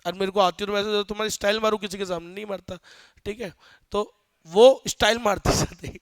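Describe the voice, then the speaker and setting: A young male teacher lecturing a class in an animated, joking way, often quizzing students, with phrases. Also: high-pitched, fairly quick, smooth, no echo. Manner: animated, asks students questions, jokes.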